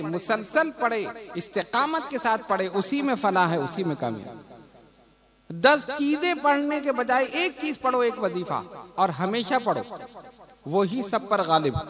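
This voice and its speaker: A man giving a sermon, telling stories in an emphatic, animated way. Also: high-pitched. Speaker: preacher. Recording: crowd audible behind.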